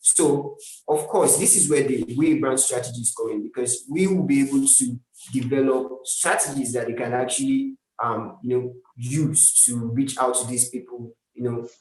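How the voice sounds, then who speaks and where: A man's voice: medium pitch, lively intonation, moderate pace, darkish tone. A man with a Nigerian accent, a brand strategist, explaining earnestly in a live-stream interview with many restarts and tag questions. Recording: echoey room.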